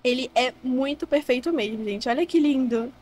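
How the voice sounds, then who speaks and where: A Brazilian woman gushing excitedly as she shows off game mods, in casual gameplay commentary. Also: high-pitched, moderate pace. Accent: Brazilian Portuguese. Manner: gushing, excitable, says "gente" constantly. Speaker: gaming YouTuber.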